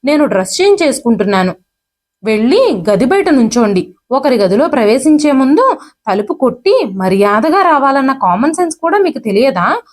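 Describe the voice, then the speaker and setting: A rude teenage granddaughter snaps and scolds in quick, sharp bursts in this spoken storybook. The voice sits slightly high, read by a woman narrator. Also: very animated. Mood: angry. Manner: shouting, fast, scolding.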